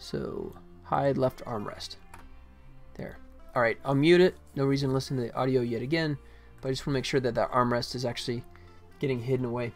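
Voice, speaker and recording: A middle-aged man livestreams his game development work, thinking aloud in short, casual fragments. His mid-range voice has fairly even intonation and a fairly quick pace, with faint music playing behind him.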